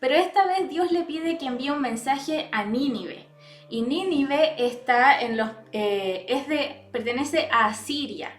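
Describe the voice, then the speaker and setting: Female preacher, fairly high voice, roomy church sound with faint music behind. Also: lively intonation, a little slow. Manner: reads out online comments and Bible verses, asks "¿cierto?" often. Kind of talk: sermon.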